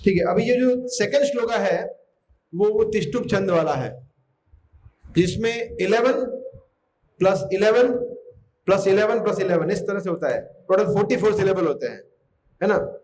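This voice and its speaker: A man's voice: sits high, expressive, measured pace, long pauses, darkish tone, a little hiss or hum, rough recording. A man teaching Sanskrit verse recitation in an online class, patiently drilling pronunciation syllable by syllable and slipping English words into his explanations.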